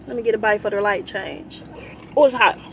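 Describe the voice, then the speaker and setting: A woman's voice: mid-range voice, a little fast, creaky, slight background noise. A young woman vlogging in casual chat, joking with a playful slangy manner and laughing often. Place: car, then home.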